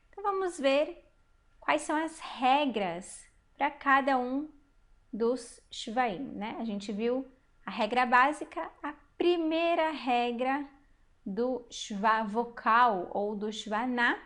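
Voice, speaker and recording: A woman with a high voice leads a recorded online language lesson. She explains patiently and step by step, stopping to ask the learner questions. She sounds out each new word slowly and carefully. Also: a bit bright. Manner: sounds out Hebrew words slowly. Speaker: Hebrew teacher.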